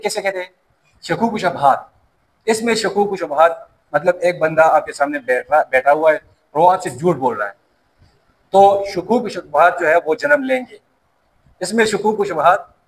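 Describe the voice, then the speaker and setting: In a rough recording, a Pashto-speaking man from Pakistan's Pashto-speaking region lectures a classroom as a safety course instructor. His voice is high-pitched with a fairly bright tone, and Pashto is his first language; he asks questions aloud and answers them himself.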